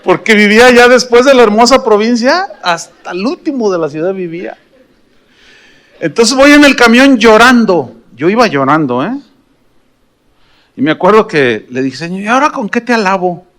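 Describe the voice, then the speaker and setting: High-voiced Mexican pastor telling a story. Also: male voice, normal speed. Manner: animated, humorous, questions the congregation. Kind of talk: storytelling sermon.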